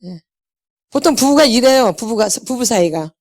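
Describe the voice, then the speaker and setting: A woman's voice: a little high, lively intonation, normal speed, a little mellow. A middle-aged woman lecturing at a church healing seminar, emphatic, quizzing her audience and slipping into blunt casual speech. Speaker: inner healing ministry lecturer. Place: church meeting hall.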